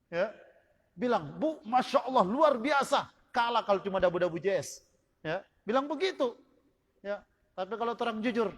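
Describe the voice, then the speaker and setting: A man with a Manado Indonesian accent preaching a sermon, telling stories and acting out their dialogue in lively fashion. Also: high-pitched, big-room sound. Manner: storytelling with acted-out dialogue, animated. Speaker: Islamic preacher.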